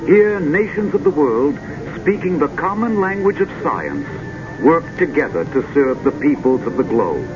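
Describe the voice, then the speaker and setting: A man narrating in a grand, dramatic, measured old sci-fi announcer manner, like a vintage futurist documentary, with drawn-out poetic phrasing. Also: a little high, expressive. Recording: dull vintage film soundtrack with music.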